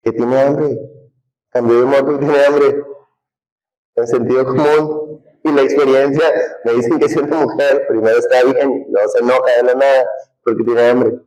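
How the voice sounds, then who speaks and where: A male teacher lectures a class in a relaxed, conversational way. His pitch sits in the middle of the male range. He keeps throwing questions at the students and answering them himself. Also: normal speed, poor audio.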